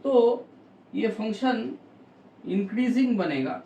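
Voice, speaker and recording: High-voiced man teaching math. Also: expressive, dark tone, roomy sound, distant mic, slight background noise, low-quality recording. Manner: slow, explanatory, with frequent pauses. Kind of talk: step-by-step math lecture.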